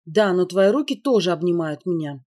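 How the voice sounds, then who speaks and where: A woman voicing a sharp young woman who speaks bluntly and matter-of-factly, with a dry wit. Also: on the low side, animated, moderate pace. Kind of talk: audiobook character reading.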